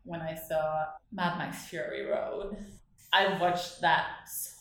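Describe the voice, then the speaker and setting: A woman from northern Norway, speaking with a Norwegian accent, chats casually as an artist guest in an interview, rambling, correcting herself and laughing often. Her voice is low, slow and a bit bright, with vocal fry. The recording is very echoey, with slight background noise.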